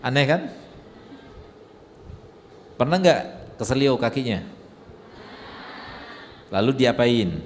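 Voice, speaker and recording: A male Islamic preacher giving a humorous sermon with storytelling, full of rhetorical questions to his audience. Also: mid-range voice. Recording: reverberant hall with faint noise.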